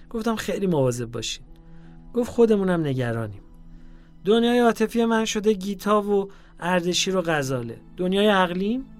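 A man reads diary entries aloud in a calm, measured way, his voice sitting a little higher than most men's. Soft music plays faintly underneath his narration.

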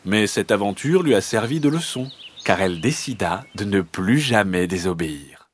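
A man reading a children's story aloud in an expressive, lilting storyteller's voice. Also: fairly low pitch, normal speed.

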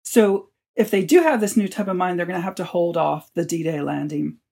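A man's voice: high-pitched, moderate pace, vocal fry, a little mellow. Man telling a wartime story as a guest. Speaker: author guest. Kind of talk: storytelling in a podcast interview.

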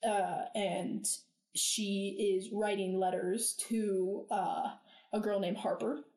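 A woman's voice: medium pitch, little pitch movement, slow pace, a little mellow. A woman co-hosting a podcast in casual chat, rambling with many fillers and restarts. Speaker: podcast co-host. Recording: roomy echo.

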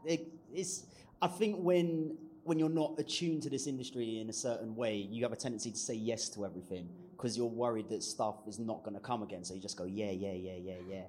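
A man's voice: medium pitch, fairly even intonation, fairly quick, few pauses, mellow, slight background noise. A man on a writers' panel, chatting informally with street slang and humour. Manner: informal, uses slang like "innit" and "ain't". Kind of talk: live panel discussion.

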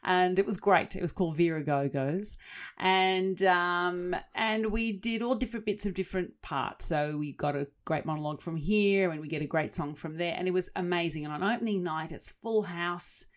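A woman co-hosting a podcast, telling stories in lively casual chat with easy laughs and chatty asides. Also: on the low side, normal speed. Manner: animated storyteller, laughs easily, chatty asides. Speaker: podcast co-host.

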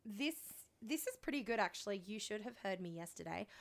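An Australian woman co-hosting a podcast, hoarse and congested with a cold, telling frank, sweary, self-mocking anecdotes in casual chat. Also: mid-range voice, expressive, a little fast. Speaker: podcast co-host.

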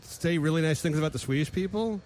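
A man co-hosting a casual comedic chat, animated and laughing often. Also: fairly high pitch, fast. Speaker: podcast co-host.

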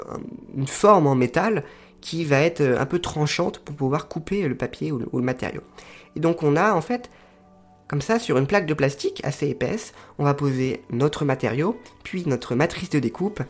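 A man explaining crafting tools casually to his viewers, hesitant and pausing often to search for words. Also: fairly high pitch. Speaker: crafting video creator. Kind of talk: casual explanatory talk to camera.

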